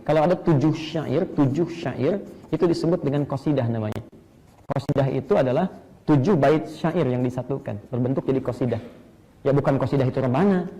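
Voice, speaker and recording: A male Islamic preacher giving a lively lecture sermon, quizzing his listeners and chanting Arabic verse meters to make his points. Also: mid-range voice, low-quality recording. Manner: asks audience rhetorical questions.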